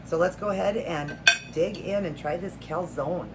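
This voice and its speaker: A woman's voice: fairly low pitch, normal speed. A middle-aged woman hosting a vlog, chatting casually to viewers in a rambling, homey, earnest way. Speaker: host of a food and faith vlog. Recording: noticeable background noise, home video.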